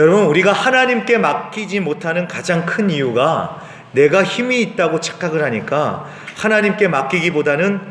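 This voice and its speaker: Animated pastor preaching in echoey church. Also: male voice, fairly high pitch, slight background noise. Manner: conversational preaching with frequent rhetorical questions and affirming "yes". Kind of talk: sermon. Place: church sanctuary. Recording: echoey church hall reverb.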